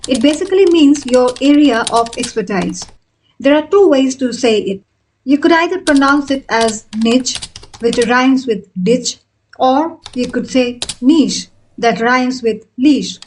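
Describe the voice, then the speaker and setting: A woman in her thirties with a high voice, narrating a scripted tutorial in a clear, methodical way. Faint keyboard typing sits quietly behind her voice. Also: a little hiss or hum. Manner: clear, step-by-step instructional delivery. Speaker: freelancing coach.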